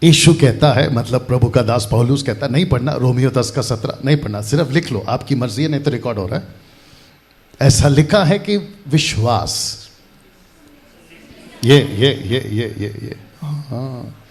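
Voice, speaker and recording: A man preaching a lively sermon to a church audience, quizzing the crowd and repeating phrases for emphasis. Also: medium pitch, measured pace. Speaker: pastor. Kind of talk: lively sermon to a live congregation.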